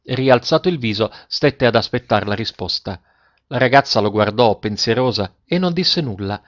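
A man narrating a story aloud, in a steady storytelling manner. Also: mid-range voice, normal speed, muffled recording. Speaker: audiobook narrator. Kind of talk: scripted narration.

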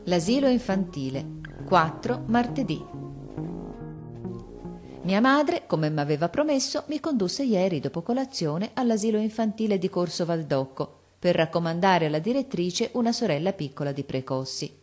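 A woman narrating a classic novel as an audiobook, with measured, expressive storytelling. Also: on the low side, faint music behind.

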